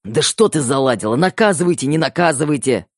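A man doing a gruff barking tough guy. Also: medium pitch, animated, normal speed, darkish tone, dry recording, clean studio sound, natural voice. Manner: clipped, barking. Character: gruff menacing man, curt and weary boss.

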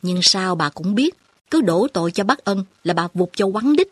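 A brisk, teasing village aunt in a spoken storybook, chatty and restless, as a woman reads her part. Her voice is a little husky and heard close and dry. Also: mid-range voice, lively intonation, dry recording. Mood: lively. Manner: brisk, teasing country talk.

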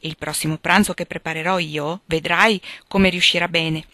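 A woman's voice: on the low side, fairly even intonation, normal speed, bright, forceful tone, dry recording. A woman voicing a spirited, outspoken teenage girl who talks in an eager, blunt way, in a dry recording.

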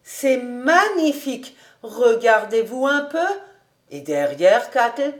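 Woman reader as shy bachelor: lowered, soft, slow and hesitant. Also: lively intonation. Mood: mild. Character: bashful middle-aged bachelor man. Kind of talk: audiobook character reading.

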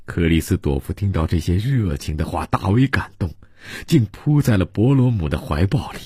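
A man reading a serialized novel aloud for radio in a measured, deliberate narration. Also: sits low, expressive, a little mellow, slightly rough, dry recording, studio quality. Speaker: storyteller.

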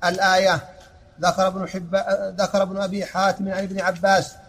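A man reading a classical text aloud in a lesson, in a flat, even recitation with small stumbles and restarts. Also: high voice, fairly quick.

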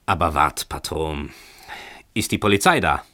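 A man's voice: very deep voice, measured pace, sharp tone, voice pushed down, exaggerated voice. A man voicing a furious old landlord who screeches and splutters with outrage in a radio story reading.

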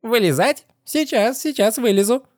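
A shrill, squealing creature that teases and mocks with false politeness. The voice sits far above a normal man's register and bounces around, playful yet sinister. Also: expressive, moderate pace, darkish tone, dry recording, clean studio sound. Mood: mocking glee. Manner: teasing, giggling, mockingly polite. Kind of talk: audiobook character voice.

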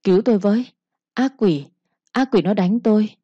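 A woman's voice: medium pitch, normal speed, warm tone, breathy edge, dry recording, dull audio, pitched above the performer's own voice, lightly acted. A woman voicing a deranged, frightened first wife who pleads in terror, in a storybook reading. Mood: terrified. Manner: terrified, pleading.

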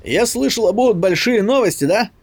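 Male reader doing a raised-pitch, eager young woman soldier in a storybook. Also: lively intonation, a little fast.

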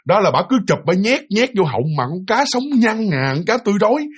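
A man, telling a ghost story in a lively, vivid way and often speaking straight to his listeners. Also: high-pitched, a little fast, slightly rough. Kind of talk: casual spoken ghost story.

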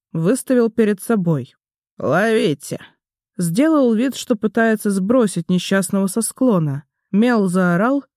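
Man narrating with a dark mellow tone. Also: high-pitched, no echo, studio quality. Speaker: audiobook narrator. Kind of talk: scripted fantasy narration.

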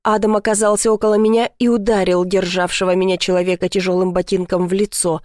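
A woman's voice: medium pitch, level tone, fast, darkish tone, no room sound. Woman narrating a tense first-person story. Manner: tense, dramatic reading with voiced dialogue. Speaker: audiobook narrator.

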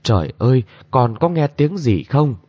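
A man voicing an aging noble lady who laments old guilt in long, drawn-out cries, on a dull lo-fi recording. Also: on the low side, sing-song, a little mellow, dry recording. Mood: alarmed.

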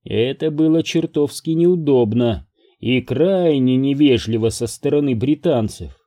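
Husky dark-voiced male narrator. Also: mid-range voice, measured pace. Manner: steady, wry first-person storytelling. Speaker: audiobook narrator. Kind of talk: scripted narration.

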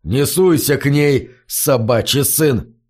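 A man's voice: mid-range voice, slow pace, a little mellow, slightly rough. A man doing a growling furious strongman. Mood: growling menace. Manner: growling, menacing. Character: brutal hulking strongman, furious, hot-tempered.

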